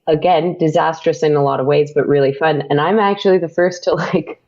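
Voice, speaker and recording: Guesting on a casual interview, a young podcast creator and actor talks fairly fast in a low, darkish, steady voice, her fillers broken up by frequent laughter. The sound is dull and lo-fi.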